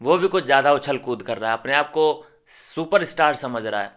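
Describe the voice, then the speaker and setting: A man's voice: medium pitch, lively intonation, normal speed, a bit bright. A man commentating on a reality show, ranting heatedly and scornfully straight at his viewers.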